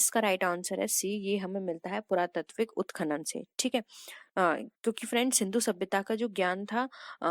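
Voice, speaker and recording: A woman's voice: medium pitch, dry recording, clean studio sound. A woman teaching an exam prep lesson, walking step by step through multiple-choice answers and addressing viewers as friends.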